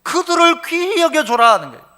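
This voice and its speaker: A man's voice: very high voice, very animated, quick pace. A middle-aged male pastor with a Gyeongsang accent, preaching a sermon, sometimes dropping into dialect and acting out quotes. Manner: preaching with dialect asides and acted quotes, varying loudness.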